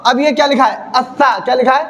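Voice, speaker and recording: A religious teacher with a very high-pitched voice talks fast in a recitation lesson, drilling with repeated questions and answers and exaggerating heavy and thin sounds to show the difference. There is noise in the background.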